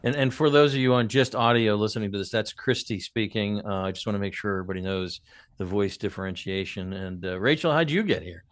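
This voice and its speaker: A man's voice: on the low side, quick pace, no room sound. A man in his fifties with a Boston accent, hosting a podcast in a casual way into a studio microphone. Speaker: podcast host. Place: indoor office. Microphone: boom studio mic with headset.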